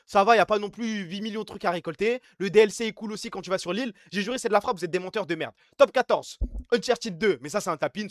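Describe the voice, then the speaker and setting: A man's voice: high voice, no echo, studio quality. A man from France streaming live, chatting casually and bluntly in slang while ranking his favorite games.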